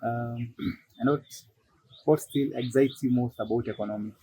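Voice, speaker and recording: A man interviewing a guest, asking measured questions and attentively acknowledging the answers. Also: mid-range voice, steady tone, dark tone, a little hiss or hum, rough recording.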